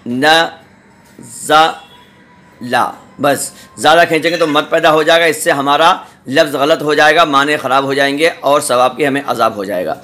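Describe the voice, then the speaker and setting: Bright-voiced man teaching Quran spelling. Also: a little high. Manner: slow, patient spelling drills, repeating syllables. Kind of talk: online Quran recitation lesson.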